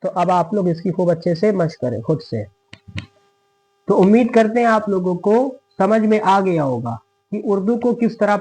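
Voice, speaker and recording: A man's voice: high voice, a little mellow. A man teaching Urdu reading who spells out words letter by letter and patiently repeats each syllable. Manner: patient, keeps checking with "thik hai". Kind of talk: slow step-by-step reading lesson.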